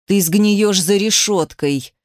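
A woman voicing a cold, contemptuous controlling husband who speaks in a low hissing menace in an audiobook. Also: slow pace, dry recording, clean studio sound. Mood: cold threat. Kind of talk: audiobook character voice.

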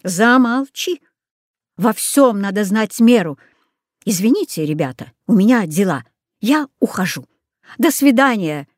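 A woman's voice: medium pitch, animated, measured pace, a little mellow, dry recording, studio quality. A woman reading the lines of a stern, scolding father in a storybook. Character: stern strict father, middle-aged man.

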